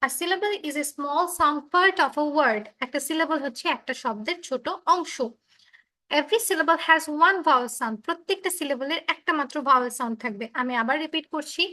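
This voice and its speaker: A woman teacher with a Bengali accent leads an online English class, her voice high and bright. She explains slowly and patiently, repeating each point and mixing English with Bengali, heard through a video call. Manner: slow, repetitive explaining, switching between English and Bengali.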